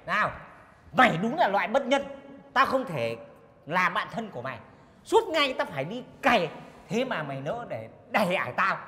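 Moto-taxi driver, wailing, cursing, bright tone, comedy film. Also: male voice, sits high, very animated, moderate pace, heavily acted. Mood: angry. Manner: wailing complaints and curses. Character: grumbling male motorbike-taxi driver, middle-aged.

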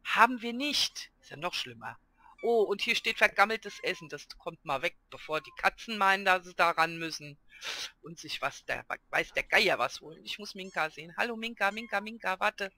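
A woman hosting a let's play, chatting excitedly through her game and talking to her characters. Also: mid-range voice, moderate pace. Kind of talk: casual gameplay commentary.

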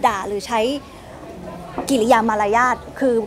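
High-voiced woman, earnest interview. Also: steady tone, measured pace, some chatter behind, a little hiss or hum. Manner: earnest, explaining at length. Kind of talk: emotional interview.

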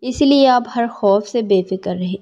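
A woman's voice: mid-range voice, dark tone, natural voice. A woman voicing a bold, reassuring young man. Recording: dull lo-fi with long reverb.

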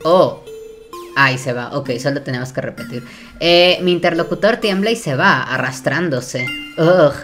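A woman's voice: low-pitched, expressive, normal speed, a bit bright. A woman from casually reading a text game aloud in a nervous, self-mocking way, stumbling over words and giggling. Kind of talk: casual let's-play narration and reading. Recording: game music playing behind her voice.

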